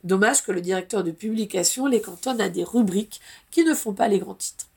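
A woman's voice: medium pitch, fairly quick, creaky, darkish tone, slightly rough. A woman reading the lines of a confident, well-informed young woman who explains things assuredly.

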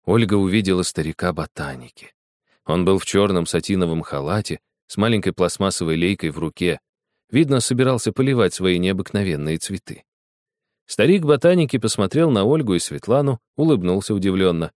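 Male storybook narrator, low and animated, dry close recording. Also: fairly quick, dry recording. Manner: expressive storyteller who acts out dialogue. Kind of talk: audiobook storytelling.

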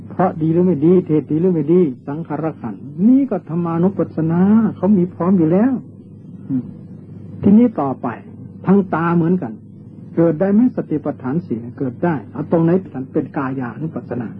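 An older Thai monk delivers a dharma sermon in a slightly raised voice, patiently explaining and repeating meditation chants. The sound is thin and tinny, like an old tape played through a narrow speaker, with faint hiss underneath. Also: male voice, fairly high pitch. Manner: patient, repetitive teaching with drawn-out meditation chants. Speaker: Buddhist monk.

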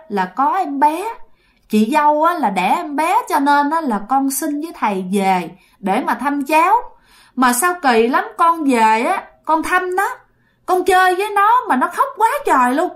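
A grieving young ghost woman, high and tearful, her voice leaping and pleading as she begs her mother for comfort, put on by a woman telling the story. She sounds lively and shaky, like a daughter returned from the dead. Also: a little slow. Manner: sobbing, pleading, high and rising.

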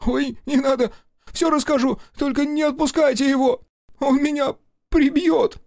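Young waiter, whining, folksy, very high, raspy edge. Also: male voice, normal speed, darkish tone, dry recording, studio quality. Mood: pleading. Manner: whining, pleading in folksy speech. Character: young male waiter, frightened, whining petty thief.

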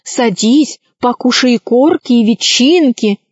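A woman's voice: a little high, animated, slow pace, a little mellow, husky, no echo, heavily acted. A woman playing a gushing, theatrical pirate queen. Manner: gushing and exclamatory. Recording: dry, slightly dull recording.

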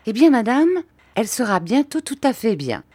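A woman voicing a mild, timid country doctor who speaks gently and deferentially. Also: a little high, sing-song, normal speed, slightly rough, no room sound, voice pushed up. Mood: soothing.

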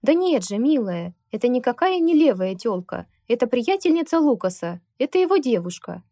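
Woman doing a loud, crude big bald guy. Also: fairly high pitch, moderate pace, no echo, clean studio sound, lightly acted. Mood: brash. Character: big bald brash male friend.

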